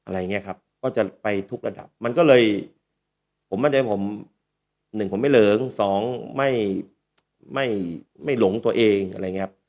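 A man's voice: on the low side, moderate pace. A man, hosting a casual storytelling talk and acting out the voices of people he quotes. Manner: lively, acts out quoted voices. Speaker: speaker and talk show host.

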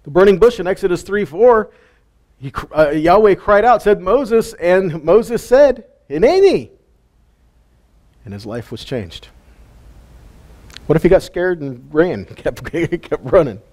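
A man's voice: high voice, very animated, measured pace, a little mellow. A man giving a casual sermon teaching, retelling Bible stories in a folksy, plain-spoken way.

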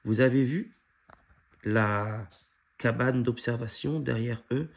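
A man's voice: medium pitch, slow, gravelly. A man reading aloud, voicing an adventurous young girl who leads her cousins on a treasure hunt in a storybook. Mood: eager.

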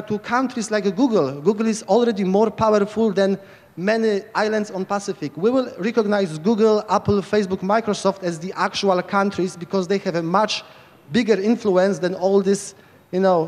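Pitched high and darkish in tone, the Polish speaker in his thirties talks at normal speed, the sound suggesting a large hall. He holds a handheld mic at a hacker camp's big tent stage for an informal lightning talk, rambling eagerly and restarting many times.

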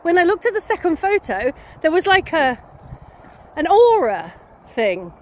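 Lively high-voiced woman vlogging. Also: a little slow. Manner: chatty, wandering, self-mocking, laughs often. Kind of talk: casual rambling vlog.

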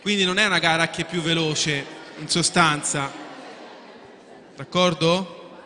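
In an echoey event hall full of contestants, a male quiz host talks through the rules in a fairly high, sharp voice, keeping a steady tone and a measured pace. Chatty by nature, he repeats and restarts his sentences and often checks that everyone agrees.

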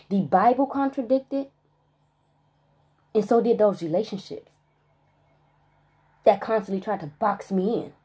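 A woman vlogger delivers a profane, emphatic spiritual rant, hitting single words hard and leaving long pauses. Her voice is medium-pitched, husky, and darkish in tone.

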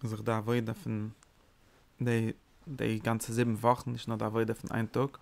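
A man giving a Torah lecture, speaking with animated, emphatic bursts and mixing in English words. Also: lowish voice, moderate pace, creaky. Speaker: Torah teacher. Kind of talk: religious lecture.

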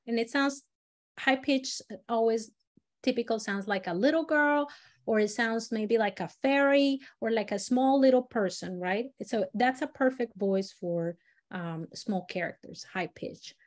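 A woman from Latin America leading a storytelling workshop, explaining exercises in an animated, demonstrative way. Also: a little slow. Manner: animated, demonstrative, swings pitch and loudness while modeling voices. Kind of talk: teaching a live workshop.

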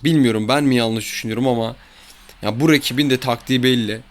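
Fast-talking and mid-pitched, the man, a gaming YouTuber from Turkey, narrates his own football game match in a casual way, grumbling in frustration over bad luck and the mistakes he makes.

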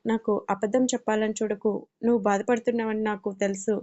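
A woman narrator voicing a caring young woman friend who gently comforts and reassures. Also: mid-range voice, level tone, fairly quick, dull audio, lightly acted. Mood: gently reassuring.

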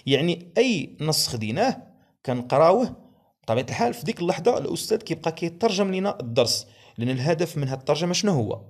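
A young man with a Moroccan Arabic accent lecturing on language teaching methods. He reads English headings slowly, then explains them in Darija. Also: fairly high pitch, a little mellow.

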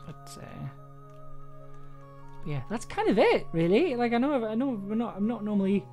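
This audio drama producer and streamer is a young adult man whose voice sits high, sounding mellow and sing-song at a moderate pace. In a casual livestream chat from a small room at home, he rambles hesitantly and thinks aloud while music plays beneath him.

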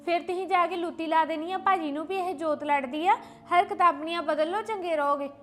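A woman playing a quarrelsome, sharp-tongued young wife in a family drama. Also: very high-pitched. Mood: indignant. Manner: fast, sharp and retorting.

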